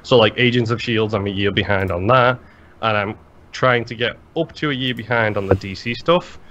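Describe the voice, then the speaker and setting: A man co-hosting a podcast in casual chat, rambling and animated, swearing freely. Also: lowish voice, moderate pace. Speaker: podcast co-host. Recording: slightly dull lo-fi sound.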